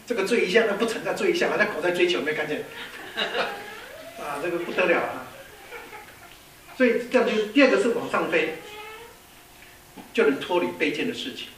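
High-voiced preacher in an echoey hall. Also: male voice, fairly quick, long pauses. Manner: lively, many rhetorical questions, storytelling; mixes in English words. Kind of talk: sermon. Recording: echoey hall, distant mic, faint hiss.

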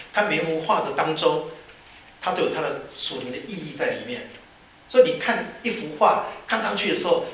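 A man preaching a sermon, telling anecdotes with lively energy and acting out the people in them. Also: a little high, a little hiss or hum. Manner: lively storyteller who acts out the people in his anecdotes. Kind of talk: sermon with storytelling. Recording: very echoey hall.

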